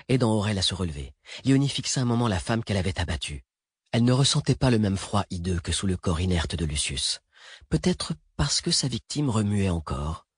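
A man narrating an action thriller audiobook in a steady, even read. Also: deep voice, breathy edge, no echo. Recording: dry close recording.

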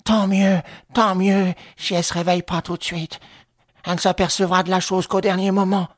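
A man's voice: high-pitched, little pitch movement, normal speed, no echo, clean studio sound, voice pushed up. A man doing a coarse, agitated old dealer woman. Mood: eager. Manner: brusque, agitated. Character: coarse older woman, a secondhand-clothes dealer, impatient.

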